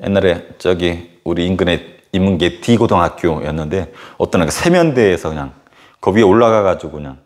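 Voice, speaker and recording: A man who teaches middle-school history, telling a casual anecdote in a lecture with animated storytelling and lots of filler words. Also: deep voice. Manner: animated storytelling full of filler words and sudden acted outbursts.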